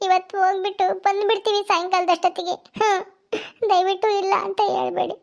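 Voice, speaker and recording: A woman's voice: very high-pitched, level tone, brisk, creaky, voice pushed up. A woman voicing a tearful young village wife who begs her neighbours for help. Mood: pleading. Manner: pleading, sobbing.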